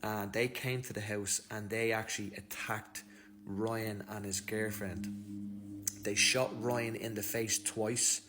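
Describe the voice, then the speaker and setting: A man's voice: fairly low pitch, little pitch movement, slow, noisy background. A man with an Irish accent retelling a crime story in a loose, slangy way, as a commentator. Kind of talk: casual storytelling over footage.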